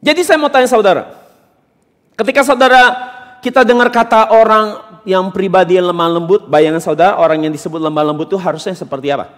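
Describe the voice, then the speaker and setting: During a service in a big-sounding church hall, a male pastor with a high voice delivers an interactive sermon at a quick pace. He questions and teases his congregation while driving home emphatic points.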